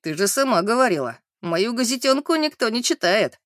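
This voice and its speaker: A man voicing a sly, gloating male newspaper reporter in an audiobook, with a mocking, drawn-out way of talking. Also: very high-pitched, very animated, a bit bright, dry recording, clean studio sound, full character voice. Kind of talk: audiobook character reading.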